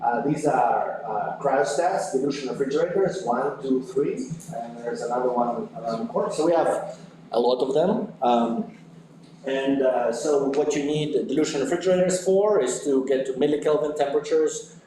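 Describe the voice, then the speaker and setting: A man's voice: mid-range voice, normal speed, warm tone, slight background noise. Man lecturing with many fillers in an echoey hall. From Ukraine. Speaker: physics lecturer. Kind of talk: university lecture. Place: lecture room.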